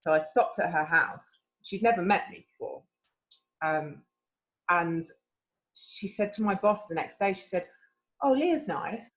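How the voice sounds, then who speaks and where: A woman with an English accent, a guest in a casual interview, telling animated stories and acting out what people said. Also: fairly low pitch, a little slow, lo-fi sound. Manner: animated storyteller, laughs often, acts out quotes.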